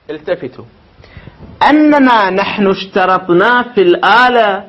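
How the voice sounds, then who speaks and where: High-voiced man lecturing step by step. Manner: deliberate, step-by-step, with questions to his listeners. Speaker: teacher. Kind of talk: formal lecture on logic. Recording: dull lo-fi recording.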